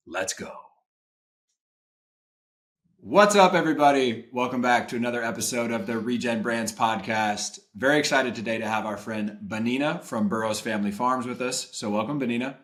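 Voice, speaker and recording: A man's voice: medium pitch, steady tone, a little fast, few pauses, fairly bright tone. Upbeat male podcast host. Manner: upbeat, enthusiastic. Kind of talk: podcast intro and interview.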